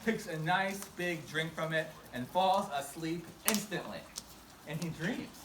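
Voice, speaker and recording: This storyteller has a low-pitched, unhurried delivery, joking at her own expense and prompting the audience to take part in a casual live tale. Picked up from far away, the audio is echoey and full of a crowd calling out.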